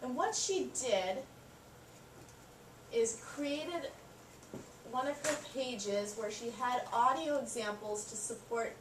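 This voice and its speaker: An upbeat woman instructor leading a class, her voice sitting a bit high and encouraging. She's recorded from across an echoey classroom, with steady background noise under her. The sound is distant and roomy. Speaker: college instructor. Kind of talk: classroom teaching. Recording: echoey classroom, mic far off, noisy.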